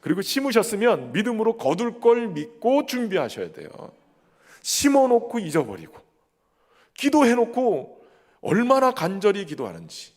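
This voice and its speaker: A man's voice: high voice, darkish tone, in a large hall. A man preaching a sermon as pastor, earnest and emphatic, who keeps addressing the congregation directly.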